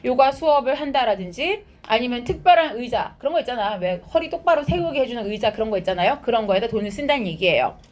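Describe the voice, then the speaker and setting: Speaking fast with few pauses, a woman lectures energetically on a high school English textbook passage. She alternates Korean explanations with English phrases she reads out, asking her class questions and supplying the answers herself.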